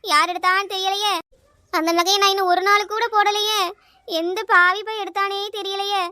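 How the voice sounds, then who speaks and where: A woman's voice: extremely high pitch, fairly even intonation, normal speed, bright, forceful tone, dry recording, studio quality. A woman voicing a frantic, hot-tempered village wife in a cartoon, wailing with a Kanyakumari Tamil accent.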